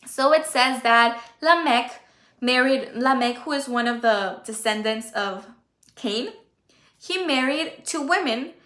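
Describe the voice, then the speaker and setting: Her voice is high, slow, pushed and bright as this native Spanish speaker runs a casual Bible study livestream. She reads scripture and adds commentary chattily, fixing her own mistakes and fumbling names, all in an echoey space.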